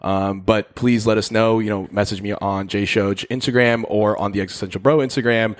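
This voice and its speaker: A man's voice: fairly low pitch, fairly even intonation, fairly quick. A young man co-hosting a casual podcast, playful and laughing, swearing freely. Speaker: podcast co-host. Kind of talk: casual chat.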